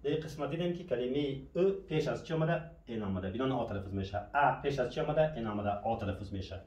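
A French teacher with a medium-pitched, animated, somewhat dark voice explains a classroom language lesson, patiently posing questions and answering them himself. The room is echoey and the mic sits at a distance.

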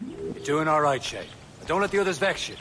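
An actor playing an encouraging older male assassin mentor who speaks calmly and reassuringly, heard as game audio with noise. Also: a little high, brisk. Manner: calm and reassuring.

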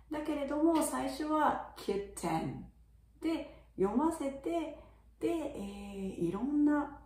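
A chatty middle-aged woman teacher explains in a relaxed, friendly lesson, her pitch rising and falling a lot. Her voice is mellow and dark in tone, and it sounds roomy, as if the mic is a little way off. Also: recorded from a distance. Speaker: English teacher for young children. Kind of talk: casual video lesson.

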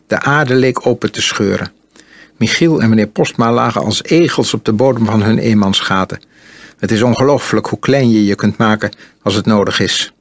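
A man narrating an audiobook in a calm, measured storytelling manner. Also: mid-range voice, no room sound. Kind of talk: audiobook reading.

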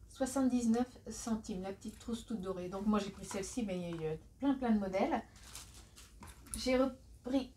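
A woman in her forties chats through a shopping haul at home, filmed on her phone. She talks in a middle-pitched voice, giggles often and teases herself. Faint background noise sits under her voice. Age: 40s. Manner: chatty, giggly, self-mocking asides. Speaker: vlogger. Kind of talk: casual shopping haul vlog. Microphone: phone camera.

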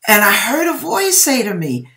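This host, a middle-aged woman with an American accent, performs viewers' dream accounts from her home kitchen in a bright, forceful, slightly high voice. The delivery is sing-song at normal speed, emphatic and theatrical, with drawn-out words aimed right at the viewers.

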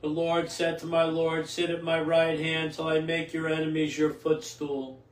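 An older man, a priest, reads scripture in steady liturgical cadence and then preaches a homily at Mass, restarting phrases as he goes. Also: a little high, normal speed. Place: small indoor home chapel. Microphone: camera a few feet away. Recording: roomy echo, distant from the mic.

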